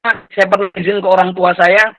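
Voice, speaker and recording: A man's voice: sits high, flat delivery, brisk, bright, forceful tone, no room sound, highs cut off. A man in his twenties from Lampung, Indonesia, giving an earnest motivational talk to an online community, repeating phrases and mixing in Islamic expressions. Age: 20s. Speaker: motivational speaker.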